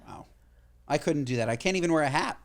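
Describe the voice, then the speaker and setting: A man whose animated voice sits on the high side co-hosts a podcast, chatting casually. He talks emphatically in quick bursts, swearing freely along the way.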